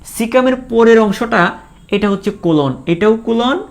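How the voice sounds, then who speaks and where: A man with a strongly gravelly voice gives a biology lesson to students. He drills terms by repeating them, asks questions and answers them himself, and voices the questions students might ask. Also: very high-pitched, a little slow. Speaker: teacher. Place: recorded for an online lecture.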